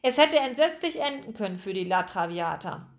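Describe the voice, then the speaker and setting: A woman voicing a tall, elegant older gentleman in a storybook, courteous and earnest. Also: medium pitch, big pitch swings, moderate pace.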